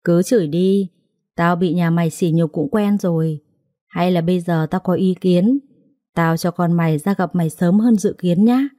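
A woman doing a vicious sister-in-law who spits out threats with cold contempt. The voice sits low and dark, close and dry with no room sound, in a spoken storybook. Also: moderate pace, no echo, close to an everyday voice. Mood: menacing. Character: cruel scheming woman, bitter sister-in-law.

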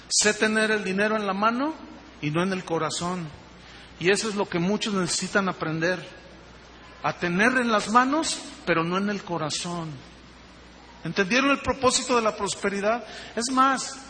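A man preaching a sermon as pastor, telling stories in an animated way and acting out the dialogue. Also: sits high, normal speed, pauses often. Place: church hall. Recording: reverberant hall with faint noise.

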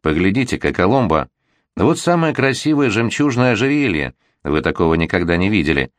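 A man's voice: on the low side, big pitch swings, brisk, dry recording. Guy doing a chirpy teasing little girl, bouncy and eager, storybook reading. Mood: gushing. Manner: eager, exclaiming, coaxing.

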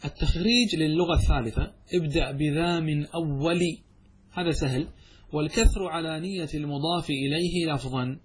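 Husky-voiced man teaching grammar. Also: on the high side. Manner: explains by asking and answering his own questions; recites verses slowly and deliberately. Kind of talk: classical Arabic grammar lesson.

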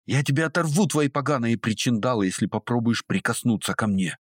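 A man's voice: low-pitched, animated, normal speed, fairly bright tone, no room sound, studio quality. A man voicing a furious, defiant young woman held captive, who shrieks and hisses her threats. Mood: furious screaming. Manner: shrieking, hysterical.

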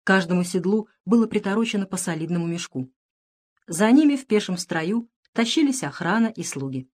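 A woman narrating an adventure storybook in a steady, measured way. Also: mid-range voice.

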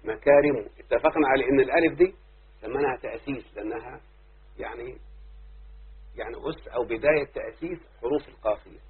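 This man's medium-pitched, slightly rough voice moves at a quick pace broken by long pauses as he lectures, as a sheikh, on Arabic rhyme. His accent is Egyptian Arabic, he quizzes students over and over with repeated questions, and the recording sounds very tinny and lo-fi.

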